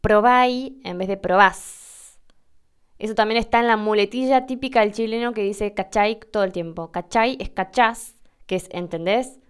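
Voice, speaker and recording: A woman's voice: normal speed, smooth. A young woman in her late twenties with an Argentine accent, chatting casually about words to her viewers and acting out bits of dialogue. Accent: Argentine Spanish. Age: late 20s. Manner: chatty, acts out dialogue with pitch jumps. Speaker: vlogger. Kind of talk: casual explanatory monologue.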